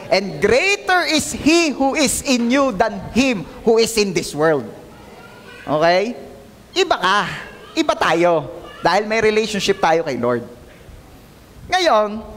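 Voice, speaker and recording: A male pastor preaching a sermon in church, mixing English into his talk and calling out to the congregation for answers. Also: extremely high pitch. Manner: lively, calls out to the congregation for responses; mixes English into Filipino. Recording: long hall reverb.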